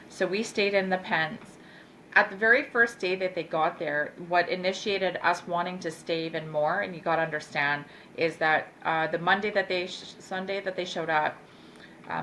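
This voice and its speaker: A woman with a slightly low voice, recounting events at length as an interview guest. She speaks earnestly and with emphasis, leaning hard on her key points. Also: fairly bright tone, a little hiss or hum. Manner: earnest, emphatic, tells a long story in detail. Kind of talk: interview storytelling.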